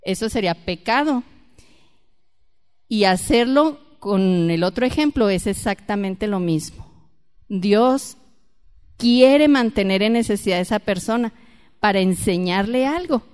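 A woman's voice: mid-range voice, expressive, measured pace, pauses often, a little mellow, clean tone. Woman preaching in a reverberant hall. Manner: conversational, asks the congregation questions. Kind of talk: sermon.

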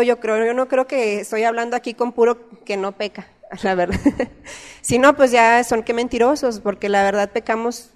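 A woman in her thirties with a Mexican accent, giving an earnest, conversational sermon in a church, telling personal stories. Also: fairly high pitch. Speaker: church speaker. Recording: long reverb of a church hall.

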